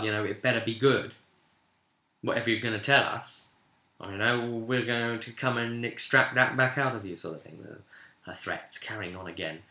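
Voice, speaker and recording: A mid-range, bright voice with a forceful tone: a man casually recounting a tabletop role-play session he ran as game master. He rambles informally and slips into bits of dialogue, recorded in an echoey room.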